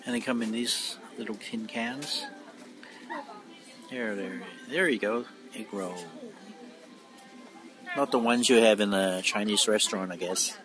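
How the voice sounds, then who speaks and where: A man's voice: lowish voice, measured pace, long pauses, over music. A middle-aged man vlogging on his phone while walking through a large supermarket, amazed and rambling with fillers. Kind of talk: casual walkthrough vlog. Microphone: phone held while walking. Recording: noisy phone recording in store. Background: store ambience.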